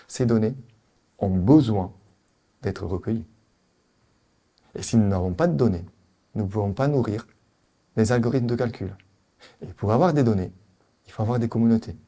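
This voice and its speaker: A middle-aged Italian-accented man with a lower-pitched voice lectures at a conference as a veterinary specialist. His delivery is animated and packed with rhetorical questions.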